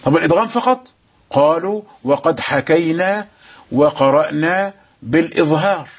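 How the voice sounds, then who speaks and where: A man teaching Quran recitation rules, explaining quickly and chanting verses slowly and melodically. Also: fairly high pitch, slightly rough. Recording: dull lo-fi broadcast sound.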